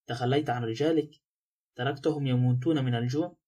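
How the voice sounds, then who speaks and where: A stiff, indignant old general rejects an accusation, as a man reading an audiobook voices him. He talks at a brisk clip, with the bearing of an officer. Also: medium pitch, warm tone, slightly rough, lightly acted. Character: elderly military general, proud and shaken.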